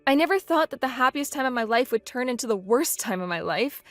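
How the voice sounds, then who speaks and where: A woman's voice: fairly high pitch, animated, fast talker, a bit bright, no echo, soft background music. A woman voicing a hurt, indignant young bride in a text-message story, speaking in an upset, pleading way.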